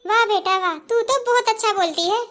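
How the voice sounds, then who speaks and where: A woman voicing the bride's suspicious, scolding mother in a cartoon, in a very high voice. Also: moderate pace, a bit bright. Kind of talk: Hindi cartoon voice acting.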